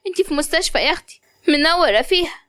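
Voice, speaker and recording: A woman with an Upper Egyptian accent voicing a gentle, caring young woman who reassures her friend. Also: high voice, expressive, racing, dry recording, studio quality, pitched above the performer's own voice. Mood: reassuring. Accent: Upper Egyptian (Sa'idi).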